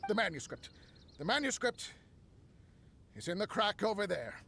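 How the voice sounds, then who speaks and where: Cackling mad drunk scientist. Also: male voice, sits high, sing-song, moderate pace, bright, forceful tone, slight background noise, full character voice. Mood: dazed relief. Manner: giggling, rambling, unhinged. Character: drunk crazed male researcher, cackling.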